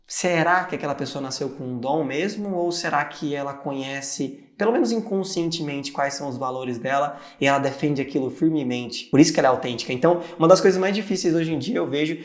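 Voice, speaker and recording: A man's voice: fairly high pitch, brisk, few pauses. A man with a Brazilian Portuguese accent talking straight to the viewer about personal values, earnest and conversational, like a motivational video creator. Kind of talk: motivational talk to camera. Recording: roomy echo.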